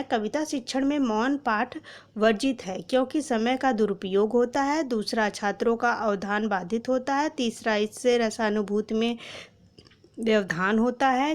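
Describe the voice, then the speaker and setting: A woman teacher giving an exam prep lesson, reading out quiz questions, numbering each option and then announcing the correct answer. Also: a little high.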